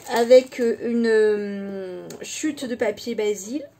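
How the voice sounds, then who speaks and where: Unhurried, higher-voiced woman scrapbook vlogger. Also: mellow, a little hiss or hum. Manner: unhurried, hesitant, thinking aloud as she shows items. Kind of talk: casual show-and-tell craft presentation.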